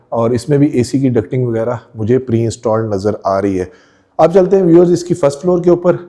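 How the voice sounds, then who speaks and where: Male property-tour host, eager walkthrough narration, mellow tone. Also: medium pitch. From Pakistan. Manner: enthusiastic, addresses viewers directly, descriptive. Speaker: real estate tour host. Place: indoors, empty house rooms.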